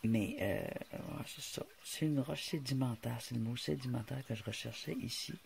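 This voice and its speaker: A man with a Quebec French accent and a gravelly morning voice full of vocal fry, casually demonstrating something hands-on and hesitating as he searches for words. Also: medium pitch, moderate pace, noisy background. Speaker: host showing rock-cleaning experiments. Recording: music playing loudly over the voice. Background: loud music.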